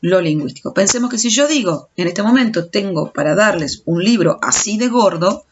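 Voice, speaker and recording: A woman's voice: mid-range voice, lively intonation, moderate pace, slight background noise. A woman teacher giving a recorded audio lecture, explaining step by step and stumbling over restarts. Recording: dull lo-fi recording.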